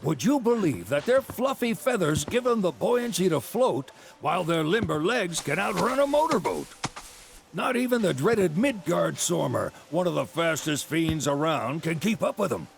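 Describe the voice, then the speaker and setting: A man's voice: fairly high pitch, sing-song, moderate pace, creaky. An actor playing a genial, folksy old rancher in a video game, with a Southern American accent and chatty salesman's patter. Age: older. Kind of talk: video game character dialogue.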